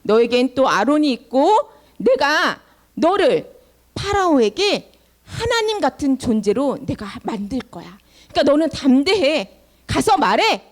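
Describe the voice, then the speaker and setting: A woman's voice: high voice, a little slow. A woman voicing God in a children's Bible story, speaking firmly and encouragingly. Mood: commanding. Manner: calm, firm, encouraging. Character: reassuring, commanding divine voice, male.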